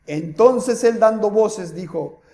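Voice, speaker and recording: High-voiced impassioned preacher. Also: male voice, normal speed, roomy sound. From Peru. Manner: impassioned, rhetorical questions, swings from loud to hushed. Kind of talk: sermon. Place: church.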